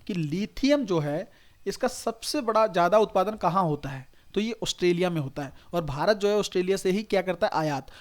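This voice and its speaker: Quick-checking high-voiced male teacher. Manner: conversational, repetitive teaching with frequent "okay" checks; addresses students directly, urging them to note things down. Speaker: exam coaching teacher. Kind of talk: recorded online lecture.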